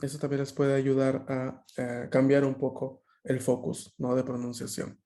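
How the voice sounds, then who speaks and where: A man's voice: medium pitch, monotone, normal speed, mellow. A man teaching a language class over a video call, explaining patiently with frequent fillers and checking questions.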